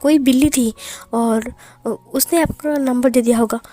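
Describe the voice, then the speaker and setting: A woman's voice: high voice, fairly even intonation, unhurried, dark tone, soft background music. A woman voicing a nervous young male assistant who stammers and trips over his words.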